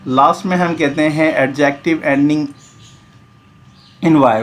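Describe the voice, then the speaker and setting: A man teaching an English grammar lesson, explaining slowly and repeating examples. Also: medium pitch, slight background noise.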